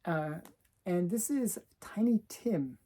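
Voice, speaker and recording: A woman with a low, mellow voice talks through her collection in a casual show-and-tell. She chats loosely and laughs often between remarks. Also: lively intonation, takes it slowly, breathy edge.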